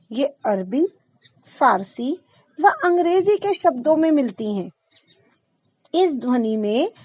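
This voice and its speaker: A woman teaching a Hindi grammar lesson, who explains slowly, draws out the sounds she teaches and checks in with her students. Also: high voice, a little mellow, no room sound. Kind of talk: classroom lesson.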